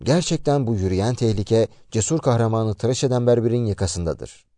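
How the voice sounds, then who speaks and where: A man retelling a story aloud in a lively, expressive way. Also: on the low side, fairly quick, no echo, clean studio sound. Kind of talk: narrated story summary.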